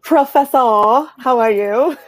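A woman's voice: high-pitched, measured pace, darkish tone, dry recording. A woman hosting an interview show, introducing her guest and chatting with theatrical enthusiasm. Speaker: podcast host.

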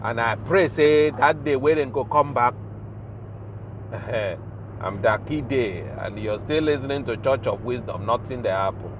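A man from Nigeria with a Nigerian accent, hosting a show with an informal Pidgin rant in a halting, repetitive, emphatic manner. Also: medium pitch, noisy background. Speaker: show host.

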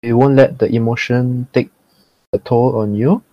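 A man's voice: medium pitch, fairly even intonation, normal speed, dry recording, dull audio. A man with a Malaysian accent chatting and explaining casually in slangy Malaysian English mixed with Malay. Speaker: podcast guest, mental performance coach for gamers.

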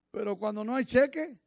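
A man preaching a fiery sermon as pastor, dropping to low murmurs and rising to shouted exhortation, often calling out "hermano". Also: creaky, no room sound, clean studio sound. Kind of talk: fiery Pentecostal-style sermon.

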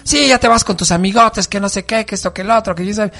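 A man voicing a nagging mother who scolds her grown child in a shrill, rapid voice. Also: pushed and bright. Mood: scolding.

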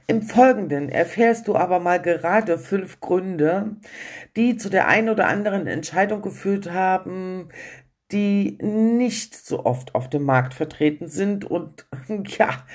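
Female coach, candid self-ironic monologue; low, breathy voice. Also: a little mellow. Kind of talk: reflective personal monologue.

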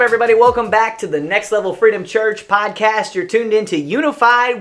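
A man's voice: high-pitched, fairly bright tone. A man, a pastor hosting a casual church podcast in an upbeat, welcoming way. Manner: upbeat, welcoming host patter.

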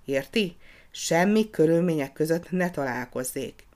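A narrator doing a quiet, confiding schoolteacher. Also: mid-range voice, lively intonation, natural voice. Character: earnest female schoolteacher.

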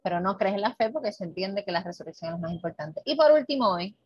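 A woman hosting a casual talk on Bible topics, lively and conversational, often checking in with the listener and acting out dialogue. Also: medium pitch, fast, slightly rough, dry recording. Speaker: host. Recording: dull, muffled dry sound.

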